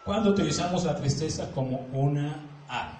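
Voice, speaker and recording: A man's voice: a little high, a little fast, darkish tone, a little hiss or hum. Mexican man lecturing in an echoey room. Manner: conversational, uses slang and acts out examples. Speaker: speaker leading a talk on emotions.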